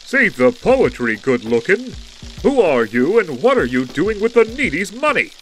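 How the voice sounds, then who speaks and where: A man's voice: sits high, very animated, normal speed, faint music behind, poor audio. Man as Spider-Man, swooping heroic delivery. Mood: defiant. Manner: folksy, quippy, heroic. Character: wisecracking, earnest young male superhero. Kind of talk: campy superhero cartoon audio drama acting.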